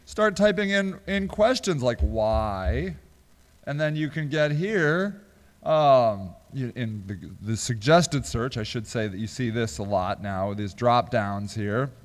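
A man's voice: mid-range voice, lively intonation, slow pace, big-room sound. A man giving casual comedic commentary as a show host, sarcastic and incredulous, often breaking into giggles. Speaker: host of a small business video show.

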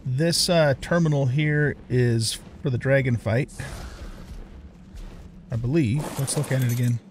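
A man's voice: mid-range voice, unhurried, a little hiss or hum. An older man hosting a let's play, chatting casually and thinking aloud with lots of fillers as he plays. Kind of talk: casual gameplay commentary.

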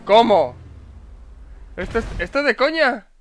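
Excitable high-voiced Spanish gamer. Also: male voice. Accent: Spain Spanish. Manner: excitable, swears a lot, repeats words in rapid bursts. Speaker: gameplay commentator. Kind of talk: excited live game commentary. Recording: faint game noise behind.

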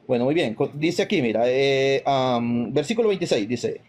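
A man in a live online debate, reading Bible verses slowly and arguing his point with stresses on each quoted line. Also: medium pitch, animated, darkish tone.

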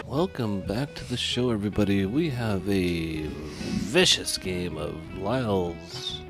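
Lively joking male host. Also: deep voice, slow, over loud music, over a noisy crowd. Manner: joking, teasing. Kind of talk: casual chat, game show banter.

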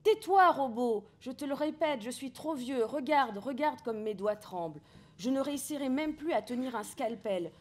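An old man, the last of his kind, weary and weeping over all that is lost, as a woman reads his lines aloud. The reading stays close to an ordinary speaking voice, with no character voice put on, only a little higher and fuller than her usual talk. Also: animated, normal speed, a little mellow. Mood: grieving, weary.

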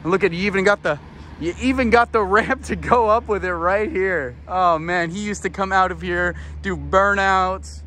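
Excited man vlogging at a street warehouse. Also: high voice, moderate pace, a little hiss or hum. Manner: excited, rambling, loose with fillers. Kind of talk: walking tour vlog, storytelling. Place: outdoors on a street by industrial warehouses. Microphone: camera held at arm's length. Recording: loud music under the voice.

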